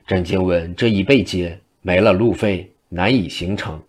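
Male storyteller, very low voice, brisk rhythmic narration. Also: husky. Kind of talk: traditional Chinese storytelling.

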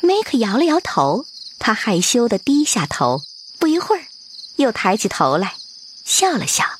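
A woman narrator presenting a children's fairy tale in expressive, scripted storytelling. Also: fairly high pitch, moderate pace, a little hiss or hum.

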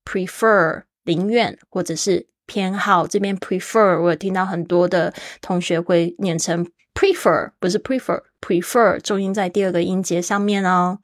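A woman's voice: lowish voice, steady tone, moderate pace, few pauses, no room sound. Woman, English teacher, podcast host, chatty, spells words out, dry sound. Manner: laughs easily. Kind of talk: casual podcast English lesson.

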